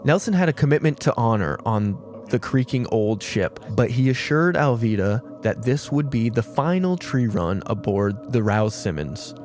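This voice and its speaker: A man's voice: medium pitch, normal speed, few pauses, faint music behind. A man co-hosting a podcast, chatting casually, laughing often, and reading out story passages. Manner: laughs often, animated banter. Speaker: podcast co-host.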